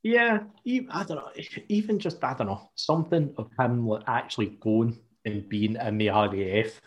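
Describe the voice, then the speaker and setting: A man's voice: medium pitch, moderate pace, muffled recording. A man co-hosting a casual film podcast, talking loosely with plenty of fillers. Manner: loose, leans on "you know" fillers. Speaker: podcast co-host. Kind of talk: casual film review chat.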